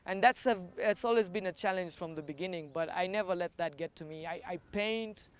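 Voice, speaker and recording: Smooth and pitched high, this Kenyan man's voice moves a little fast. In a casual documentary interview and walk-along, he reflects as a street artist, often repeating words to emphasize them.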